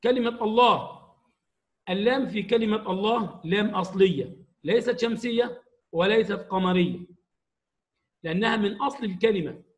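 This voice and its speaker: Male teacher with a high voice, patient and explanatory, stresses each example word. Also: moderate pace, poor audio. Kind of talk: grammar lesson for young pupils.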